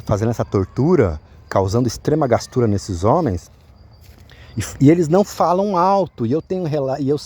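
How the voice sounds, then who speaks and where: A man's voice: on the high side, a little mellow. A man with a Brazilian accent telling viewers a personal account, repeating himself insistently and speaking straight to his listeners. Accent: Brazilian Portuguese. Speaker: vlogger.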